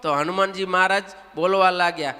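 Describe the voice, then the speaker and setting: Speaking in a large hall, this storyteller has a high-pitched, smooth voice and a fairly quick pace as he animatedly recounts a devotional tale. He puts questions to his listeners and leads the chant.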